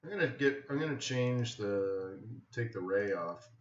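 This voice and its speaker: Hosting a live trading webinar, a man speaks a little slowly in a medium-pitched voice with lively intonation. His commentary is offhand and casual as he thinks aloud and repeatedly checks in with "right?". The recording comes across as dull, roomy and echoey.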